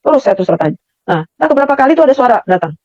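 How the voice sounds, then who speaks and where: A woman's voice: high voice, very animated, racing, no echo, muffled recording. A middle-aged woman giving an earnest personal testimony, repeating phrases for emphasis. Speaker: testimony speaker.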